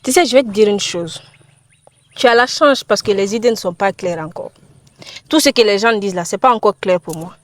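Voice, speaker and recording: A woman's voice: mid-range voice, brisk, natural voice. A woman playing a jealous village woman who threatens a rival over her man, in a comedy film. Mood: threatening. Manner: threatening, confrontational.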